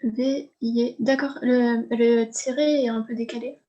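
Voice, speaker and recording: A woman's voice: a little high, steady tone, a little slow, mellow, muffled recording. A woman student in a language class, giving tentative, hesitant answers. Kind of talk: class discussion.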